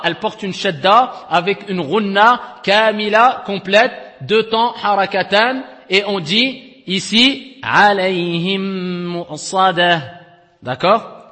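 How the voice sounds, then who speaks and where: A man's voice: high voice, pushed and bright. Man teaching in a reverberant hall. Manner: explains step by step, often checks with "d'accord?" and "clair?"; chants recitation examples slowly. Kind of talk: recorded tajwid lesson.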